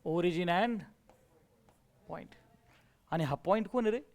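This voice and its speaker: A man teaching a maths class in a classroom, energetic, firing questions at students and urging them to answer loudly. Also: high-pitched, takes it slowly. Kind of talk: classroom lecture with call-and-response.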